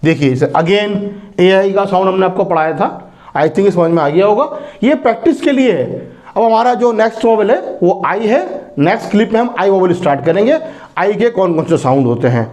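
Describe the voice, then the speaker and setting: A man teaching English phonics, reading example sentences slowly word by word and repeating each vowel sound. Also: high voice, expressive, a little mellow. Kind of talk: phonics lesson.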